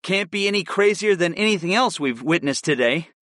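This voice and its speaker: A man's voice: sits high, expressive, a bit bright, dry recording, clean studio sound. A man voicing a wry young hero. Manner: wry and quick-tongued. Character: young male monster summoner hero. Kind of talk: audiobook character voice.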